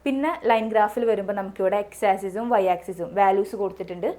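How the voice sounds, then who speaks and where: A woman's voice: medium pitch, fast talker, mellow. A woman, tutoring for an exam in a casual video lesson, repeating her points with frequent fillers.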